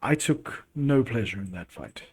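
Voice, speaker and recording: A man's voice: mid-range voice, lively intonation, measured pace, slightly rough, voice pushed down. A man voicing a young viking chieftain who talks in a grim, blunt way in a role-playing game. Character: young hard-bitten male viking chieftain.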